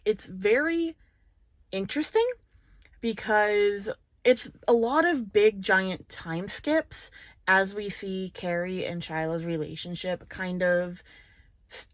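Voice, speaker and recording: Woman, casual book review, chatty and animated, filler-heavy, mid pitch, dry close sound. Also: dry recording.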